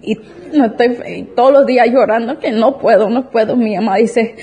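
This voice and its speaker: A young woman in her twenties shares a personal faith testimony before a congregation. Her voice is husky and warm, with a dark, mellow tone. She speaks in an earnest, emotional way and often breaks off and restarts her sentences. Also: a little high, moderate pace.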